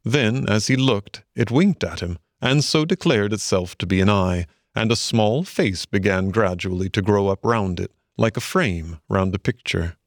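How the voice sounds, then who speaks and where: A man narrating a storybook in an expressive, measured way. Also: lowish voice, no echo, clean studio sound. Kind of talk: storybook reading.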